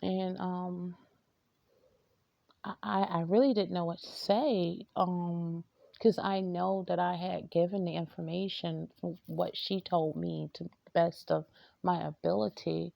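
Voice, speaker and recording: A woman spiritual reader telling a story to camera, hesitant and halting, often repeating words and trailing off. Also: fairly low pitch, fairly even intonation, creaky, dry recording, highs cut off.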